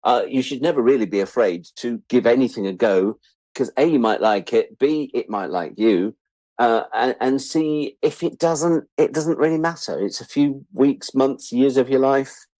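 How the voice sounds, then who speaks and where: In a low-quality recording with no echo, a writer and editor in his sixties with an English accent speaks at normal speed in a mid-range voice. He's a guest in a casual interview, spinning lively, self-mocking anecdotes and performing other people's remarks.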